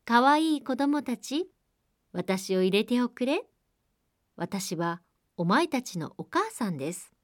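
A woman's voice: on the high side, big pitch swings, slow, no echo, clean studio sound. A woman voicing a cunning, hungry wolf in a storybook reading, coaxing in a falsely sweet voice.

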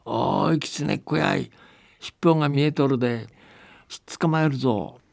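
A man doing a gruff old country grandpa. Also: mid-range voice, unhurried, no room sound, studio quality. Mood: shouting. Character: old male charcoal burner, rustic.

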